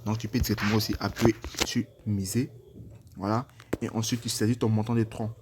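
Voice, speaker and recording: A man's voice: on the low side, level tone, brisk, heavy background noise. A man casually walking through an app tutorial step by step, hesitant and repeating himself with frequent fillers. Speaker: crypto tutorial presenter.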